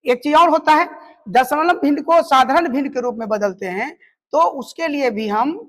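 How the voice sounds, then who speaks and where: Woman, math teacher, fairly high voice, patient step-by-step classroom explanation, counts digits aloud. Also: normal speed.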